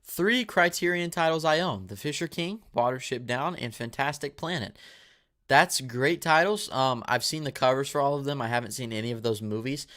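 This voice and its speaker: A man's voice: medium pitch, expressive, normal speed, fairly bright tone. A man in his twenties hosting a live movie Q&A, reading viewer questions and answering in a casual, rambling way with a dry mouth. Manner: casual, rambling, with fillers and restarts. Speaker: movie channel host.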